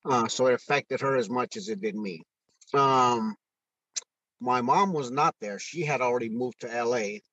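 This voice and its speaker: Earnest older man, halting and heartfelt. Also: medium pitch, fairly bright tone, no echo, highs cut off. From Mexico. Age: 60s. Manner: earnest, halting with many restarts and fillers. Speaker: interview guest, retired first sergeant. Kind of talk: candid conversational interview. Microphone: phone call audio.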